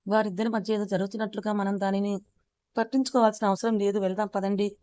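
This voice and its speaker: A woman's voice: mid-range voice, steady tone, fast, dark tone, no room sound, close to an everyday voice. A woman voicing an obliging, sly male office secretary who speaks deferentially, in a storybook reading.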